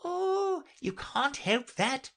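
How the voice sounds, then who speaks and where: Lady doing a mad teasing cat from a kids storybook, voice jumps up high and all over, smug riddles. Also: very animated, very slow, fairly bright tone, exaggerated voice. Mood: gleefully mad. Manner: teasing, emphatic, matter-of-fact riddling. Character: grinning, teasing, mad Cheshire Cat, blithely nonsensical. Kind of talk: children's storybook character reading.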